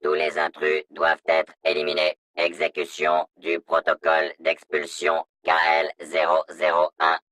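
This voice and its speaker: Deep gravelly security robot with a robotic filter. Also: male voice, measured pace, few pauses, full character voice. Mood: cold, commanding. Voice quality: flat monotone, announcement-like. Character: stern male security robot enforcing law. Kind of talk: video game dub dialogue lines.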